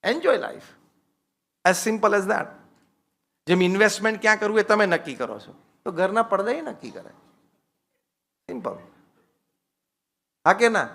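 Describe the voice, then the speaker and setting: A man, a swami, giving a humorous religious discourse on married life, lively and teasing, slipping English phrases into his talk. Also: high-pitched, unhurried, creaky, long pauses.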